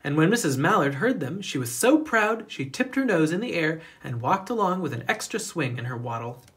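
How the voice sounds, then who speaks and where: A reader at medium pitch works through a children's picture book, giving the story a deliberate, expressive telling.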